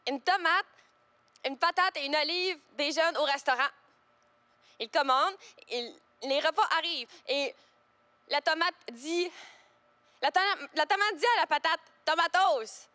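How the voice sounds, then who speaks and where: Giggly rushed amateur joker; high, bright, reverb. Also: female voice, exaggerated voice. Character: giggly amateur female joke teller.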